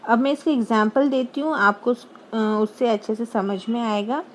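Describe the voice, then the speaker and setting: A woman teacher explaining grammar terms slowly, repeating each term and glossing it in plain words. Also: a little high, steady tone, a little hiss or hum, rough recording. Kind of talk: explaining English grammar lesson.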